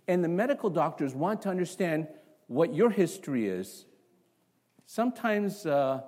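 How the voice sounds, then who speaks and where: A male pastor from Canada preaching to his congregation in a church. His voice sits a little high for a man. He talks in an animated way and keeps throwing rhetorical questions at the room. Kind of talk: sermon.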